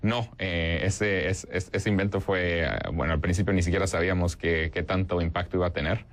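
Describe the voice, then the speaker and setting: A man's voice: sits low, fairly even intonation, brisk. A young man from Guatemala, answering interview questions in a hesitant way, with many fillers and restarts. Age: young adult. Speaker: interview guest.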